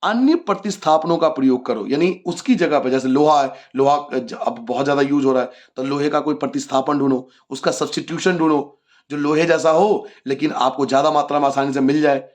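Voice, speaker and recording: Speaking a little fast in a fairly high voice, a man teaches a class 10 geography lesson. He addresses his students as children, asks his own questions and answers them, and repeats the key points.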